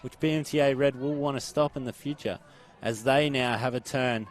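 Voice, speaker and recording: An Australian man calls a junior sports match live from an outdoor ground. His voice sits at a middle pitch, and he keeps an upbeat tone as he runs through players' numbers and names. He often hands over to his co-commentator. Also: steady tone, moderate pace. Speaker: play-by-play commentator.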